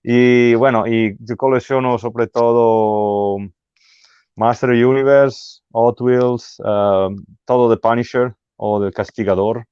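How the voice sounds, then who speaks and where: In a relaxed interview, a guest from Italy talks in Spanish with an Italian accent, pausing haltingly to find words and starting sentences over. His mid-range voice is a little mellow and clean-toned, with no echo, though the recording itself is dull and muffled.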